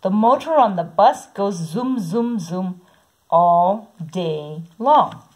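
A woman reading a children's picture book aloud in a slow, sing-song way, saying the repeated sounds softly. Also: mid-range voice, lively intonation. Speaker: storybook reader.

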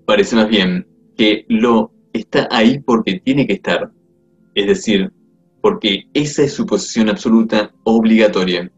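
A man reads a grammar textbook aloud at a measured, explanatory pace. His voice sits on the low side. The recording is muffled and lo-fi, with faint music under it. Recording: dull lo-fi audio with faint music.

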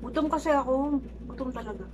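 A woman's voice: high voice, fast talker. Female vlogger, casual chatter while chewing, home setting, light background noise. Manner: talks while eating, chatty and laughing. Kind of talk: casual mukbang chat. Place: home, indoors with air conditioner running. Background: air conditioner hum.

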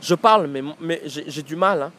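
A man's voice: a little high, moderate pace, a bit bright, slight background noise. A man hosting a podcast in a casual monologue. He talks reflectively, often restarts and repeats words, and mixes in Wolof and English. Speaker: podcast host.

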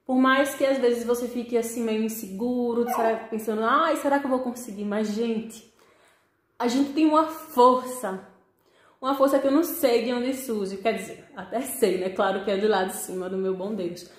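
A young woman vlogger from Pernambuco in Northeast Brazil chats casually and expressively straight to the camera, with a Northeastern Brazilian accent. Her voice is a little high at normal speed, recorded in an echoey small living room with a desk.

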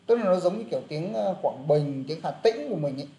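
Một người đàn ông dạy tiếng Anh, giảng giải kiểu trò chuyện thân mật với nhiều từ đệm. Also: male voice, on the high side, expressive, fast, warm tone. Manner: chatty explaining, many fillers. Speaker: English teacher. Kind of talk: casual online lesson.

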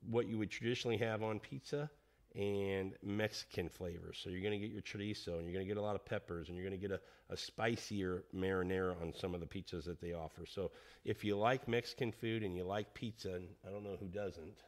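A man co-hosts a podcast in an easygoing chat, often restarting his sentences as he rambles along. His voice sits a little low and relaxed. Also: brisk. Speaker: podcast co-host. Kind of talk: casual chat.

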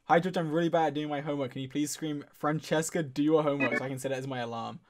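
Chatty streamer man, slightly high voice. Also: steady tone, rapid-fire. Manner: upbeat, thanks donors warmly, laughs often. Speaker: streamer reading donations. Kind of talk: casual game stream chat.

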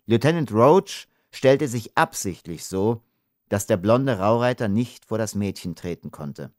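A man narrating an audiobook in a measured, calm storytelling style. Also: fairly low pitch, no echo, studio quality. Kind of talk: scripted narration.

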